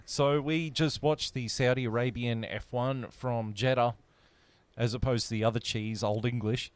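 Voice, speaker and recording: A man's voice: medium pitch, fairly even intonation, normal speed, clean tone. A man hosting a casual podcast, joking and laughing often with his co-hosts. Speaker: podcast host. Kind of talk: casual banter.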